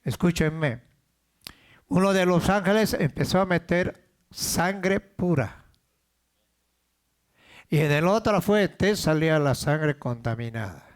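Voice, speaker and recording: A man's voice: fairly high pitch, animated, takes it slowly, long pauses. A man preaching a sermon as pastor of a church, repeating words as he builds up and calling out questions to the congregation.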